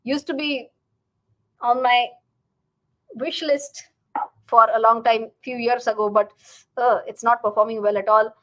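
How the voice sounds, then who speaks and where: Higher-pitched Indian woman hosting a live stream. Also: fairly even intonation, measured pace, long pauses, fairly bright tone, poor audio. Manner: chatty, slips Hindi phrases into English. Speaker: live stream host and finance teacher. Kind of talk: casual live stream Q&A, reading and answering viewer comments.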